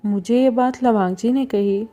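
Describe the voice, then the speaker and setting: A woman voicing a small, timid boy who speaks in a soft, pleading, tearful way, in a storybook reading. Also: fairly high pitch, a little slow, close to an everyday voice. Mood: plaintive.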